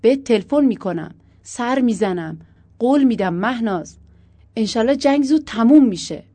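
A woman's voice: on the high side, expressive, warm tone, no echo, voice pushed up. A woman voicing an impatient male pilot. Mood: insistent. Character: male air force pilot, tense and impatient.

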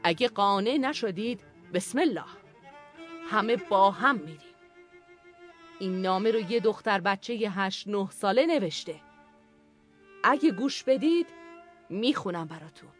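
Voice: medium pitch, expressive, pauses often, fairly bright tone, natural voice. A narrator voicing a resolute male war commander who speaks firmly and insistently, in an audio story read over faint violin music. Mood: rousing. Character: resolute war commander, man, firm and impassioned.

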